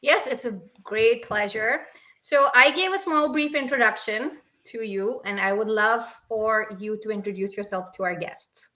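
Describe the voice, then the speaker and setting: A young woman hosts a live interview over a video call, her voice bright and a little high. She is friendly and leans on repeated words for emphasis as she welcomes her guest and asks him questions. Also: moderate pace. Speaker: podcast host.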